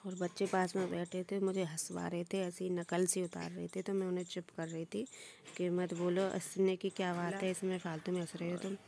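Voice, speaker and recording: A woman's voice: fairly low pitch, flat delivery, fairly quick, gravelly, dark tone, a little hiss or hum. A woman chatting through a homely voice-over for her family vlog, recorded at home. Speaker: vlogger.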